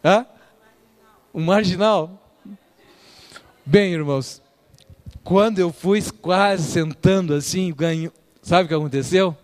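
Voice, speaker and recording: A middle-aged man preaching in a church, telling lively stories, quoting people and quizzing his listeners. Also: high voice, slow, pauses often. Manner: lively storyteller, quotes people and quizzes the audience. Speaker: church speaker. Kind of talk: storytelling sermon. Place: church hall.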